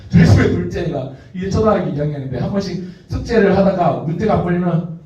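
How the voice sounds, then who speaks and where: A male pastor giving a youth sermon, lively, acting out the nagging and taunting voices of others. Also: high voice, quick pace, recorded from a distance. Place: church hall. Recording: echoey hall, muffled from afar.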